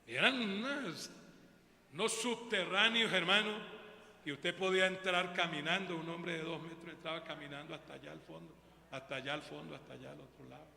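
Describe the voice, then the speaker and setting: A man's voice: fairly high pitch, fairly quick, vocal fry, pushed and bright. A man preaching a sermon as pastor, with a Colombian Spanish accent and an emphatic style, calling the congregation "brother". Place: church hall. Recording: echoey church hall with long reverb.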